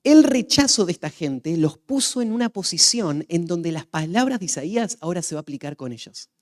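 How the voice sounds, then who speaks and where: A man gives a Bible teaching sermon in a fairly high voice. He moves between hushed, quiet lines and loud, emphatic ones. He often restarts his sentences by repeating a word while he thinks. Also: animated, fairly quick. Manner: stumbles and repeats words while thinking aloud. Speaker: preacher. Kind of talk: expository sermon.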